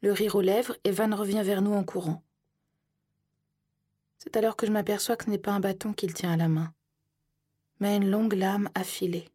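A woman narrating an audiobook in the first person, soft and measured, often slipping into whispers. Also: mid-range voice, steady tone, husky, no room sound, studio quality.

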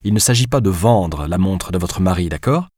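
A firm, commanding man who presses his point with insistent orders, as an audiobook narrator reads his lines. The voice sits low and dry, close to the microphone. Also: expressive, normal speed, darkish tone, no room sound.

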